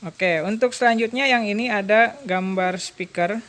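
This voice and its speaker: A woman's voice: medium pitch, normal speed, fairly bright tone. A woman, demonstrating a motorcycle alarm step by step in a chatty way. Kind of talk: casual product demonstration.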